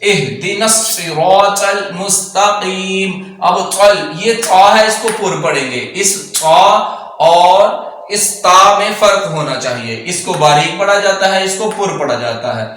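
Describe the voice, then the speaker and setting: A man teaching Quran recitation. He explains each rule quickly, then recites the verse slowly and draws it out. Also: sits high, animated, fairly bright tone, slight background noise. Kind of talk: tajweed lesson. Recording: very echoey room.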